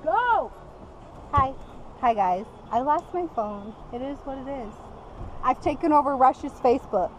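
A young woman on a river fishing trip, talking in a playful, excitable way with plenty of cursing, recorded by an action camera on a boat. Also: high voice, measured pace. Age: young adult. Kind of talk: casual chat. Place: small boat on a river outdoors. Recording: very noisy outdoor camera audio.

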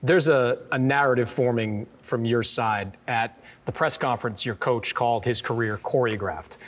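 Calm interviewer guy, mid-pitched voice, asks steady questions, long hall echo around him. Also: normal speed. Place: large dark studio hall.

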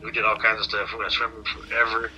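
A man's voice: fairly low pitch, completely flat delivery, fast talker, bright, forceful tone, slight background noise, low-quality recording. A man talking casually on a call, his voice coming through a phone speaker, teasing and defensive. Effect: heard through a phone speaker. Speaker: husband on a video or phone call. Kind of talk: casual chat.

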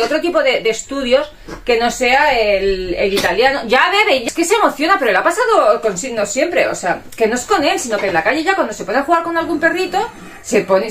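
A middle-aged Spanish woman vlogging at home, talking in a rambling, chatty way and tacking little questions onto the ends of her sentences. Her voice sits a bit high and swings widely in pitch. Faint clicks can be heard behind her. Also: a bit bright, slight background noise. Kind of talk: casual chat to viewers.

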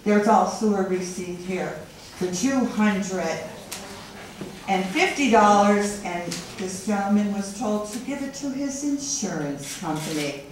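A woman's voice: medium pitch, animated, a little slow, a little hiss or hum. A middle-aged woman at public comment in a council meeting, speaking in a confrontational, accusing way. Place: wood-paneled council chamber. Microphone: room mic at a speaker's podium, from a far camera. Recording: very echoey chamber heard from a distance.

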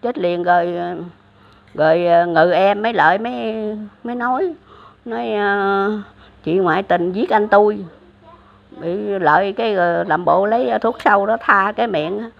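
Speaking at normal speed in a gravelly, medium-pitched voice, an older storyteller with a Southern Vietnamese accent recounts a religious legend. She wanders through it casually, full of fillers and false starts, on a dull lo-fi recording.

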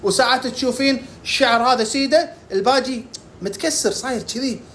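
A woman's voice: high-pitched, brisk, fairly bright tone, a little hiss or hum. A woman giving casual health tips, asking and answering her own questions as she goes. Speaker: herbal health presenter.

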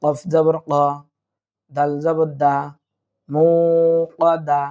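A man's voice: on the high side, little pitch movement, very slow, mellow, muffled recording. A man teaching Quran reading. He spells out each letter and vowel mark one at a time, then chants the joined verse, speaking patiently to his students. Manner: patient, addresses students directly.

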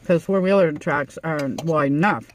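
A woman's voice: deep voice, moderate pace. A woman in her sixties chatting casually over a meal, chewing as she talks. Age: 60s. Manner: chewing while talking. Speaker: vlog host. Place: inside a parked car at night.

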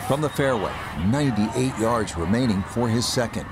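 A man playing a golf commentator in a video game, steady and informative like a TV broadcast. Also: medium pitch, normal speed, heavy background noise, natural voice. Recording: broadcast voice under loud music and crowd. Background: loud music and crowd.

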